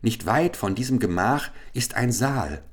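Guy doing a sad lonely owl princess, pleading, voice pushed up high, storybook. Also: expressive, unhurried, slightly rough. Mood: plaintive.

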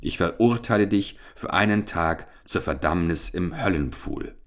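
A man's voice: deep voice, normal speed, natural voice. A man reading the lines of a proud, ancient male scientist-king in a solemn, imperious tone. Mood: menacing. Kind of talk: audiobook character reading.

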